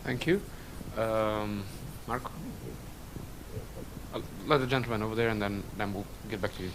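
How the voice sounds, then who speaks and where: A man chairs a conference discussion, keeping his words short as he thanks people and calls on the next speaker. Clear background noise and clicks run under his voice. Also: lowish voice, normal speed. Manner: brief, calling on speakers. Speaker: moderator.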